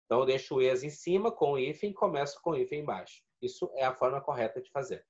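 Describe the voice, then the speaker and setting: A man's voice: mid-range voice, fast, dull audio. Man teaching a grammar lesson. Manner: explanatory, repeats points and counts syllables aloud. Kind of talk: video lesson.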